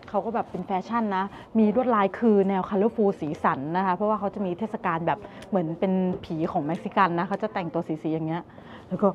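Speaking at a medium pitch, fairly quickly and with few pauses, a thirtysomething travel vlogger tastes and comments on snacks while wandering a market. She addresses her viewers in a chatty, casual way. It's recorded outdoors on a handheld camera at arm's length, muffled and full of street noise.

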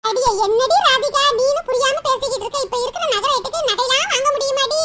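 A squeaky doting mother-in-law. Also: fast talker. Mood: coaxing. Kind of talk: cartoon voice acting. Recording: loud background noise.

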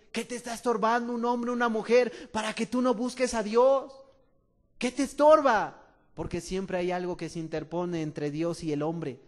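High-voiced Mexican preacher, impassioned. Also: male voice. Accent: Mexican Spanish. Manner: impassioned, swings from soft asides to shouting; addresses listeners as "amado". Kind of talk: sermon.

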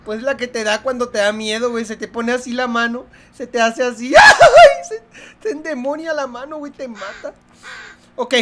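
A young man with a Mexican accent, commenting on a horror game in a joking, profane, excitable way. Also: very high-pitched, background noise. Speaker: gaming youtuber.

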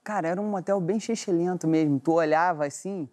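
Slangy man telling a story, mellow voice. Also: a little high, a little fast. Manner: slangy, swears casually, acts out dialogue. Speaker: audience member telling a story. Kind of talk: casual comic storytelling. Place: TV studio with audience.

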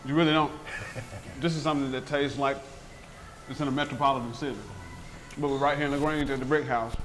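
A man's voice: medium pitch, steady tone, fast talker, a bit bright, soft background music, poor audio. A man hosting a local TV food segment, tasting dishes at a restaurant table and gushing over them in casual, enthusiastic chat. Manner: effusive, enthusiastic, chatty. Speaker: TV food show host.

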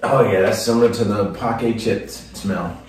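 A man's voice: on the low side, steady tone, a little slow. A man in his fifties, a co-host chatting casually in short remarks. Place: small indoor room, seated at table. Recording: echoey room, distant microphone.

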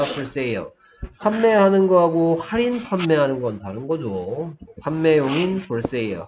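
A man teaching English in Korean, explaining a dialogue and reading example phrases in careful, slow English with a Korean accent. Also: mid-range voice, background noise. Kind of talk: online English lesson.

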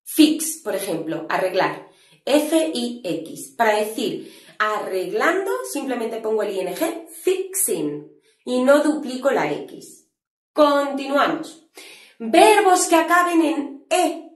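A woman's voice: a little high, big pitch swings, slow pace, echoey room. A Spanish woman with a Spain accent teaching an English grammar lesson in an upbeat, chatty way, talking straight to her viewers.

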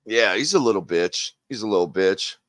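A man's voice: fairly low pitch, lively intonation, normal speed, fairly bright tone, dry recording. A man hosting a casual livestream chat, talking in a blunt, profane and mocking way. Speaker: livestream host.

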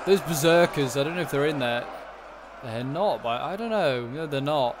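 A man with a slightly high voice gives casual battle commentary on a strategy game. He muses aloud as he follows the action, with faint noise behind him. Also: expressive, normal speed. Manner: musing, thinking aloud. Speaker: gaming commentator. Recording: noticeable background noise, game ambience. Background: video game battle ambience.

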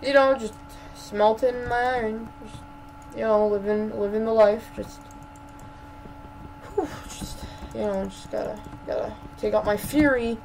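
Slow, stammering woman ranting over a game. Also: on the high side, steady tone, a little mellow, slight background noise, poor audio. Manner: stammering, repeats words, exasperated ranting. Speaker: gaming channel host. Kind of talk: gameplay commentary.

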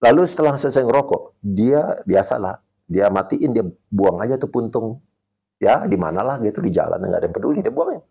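Lively man telling a story. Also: on the low side, brisk, creaky, slightly rough, dull audio. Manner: animated storyteller acting out quoted voices; mixes English words into speech. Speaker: martial arts coach, podcast guest. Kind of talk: casual podcast talk.

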